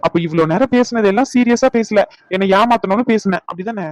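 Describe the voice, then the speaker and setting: Woman doing a blunt lecturing friend, talks quick. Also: mid-range voice, a little mellow, dry recording, close to an everyday voice.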